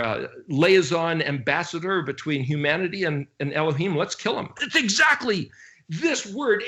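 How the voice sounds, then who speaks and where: Brief: male Bible teacher, a touch high-pitched, casual study-talk delivery, sarcastic asides, spells out Hebrew letters slowly. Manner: animated, with sarcastic asides and sudden jumps in pitch.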